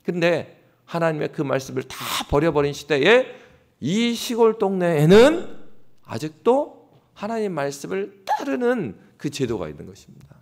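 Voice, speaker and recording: Male pastor, pitched a little high, lively delivery, mimics scoffers mid-sermon. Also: normal speed, vocal fry. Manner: animated preaching, acts out scoffing voices. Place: church sanctuary.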